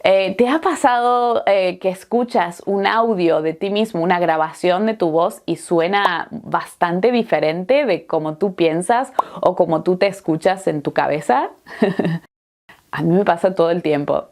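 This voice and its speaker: A woman's voice: fairly low pitch, unhurried, darkish tone. A woman from Argentina with an Argentine accent, giving a friendly, encouraging Spanish lesson with a chatty manner and frequent fillers. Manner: chatty, encouraging, laughs easily, many "eh" fillers. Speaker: Spanish teacher.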